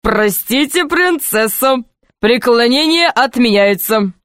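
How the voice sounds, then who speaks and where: Pompous, boastful male knight for a storybook reading, voiced by a woman, high and animated, close and dry. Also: slow pace, no echo. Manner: grand, indignant, self-important. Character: pompous boastful middle-aged knight, a marquis, man.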